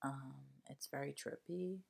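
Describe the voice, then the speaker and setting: A woman with a softened Delaware County accent chatting casually, rambling with many fillers. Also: a bass voice, measured pace, vocal fry, breathy edge. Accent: Delaware County, Pennsylvania, softened. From Delaware County, Pennsylvania. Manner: rambling, full of "like" and "um". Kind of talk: casual chat.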